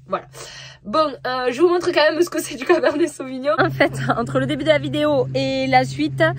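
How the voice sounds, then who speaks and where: A woman's voice: high voice, background noise. A woman winegrower, chatting in a hesitant way with lots of fillers while outdoors in a vineyard. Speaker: winegrower vlogger. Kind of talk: casual vlog chat.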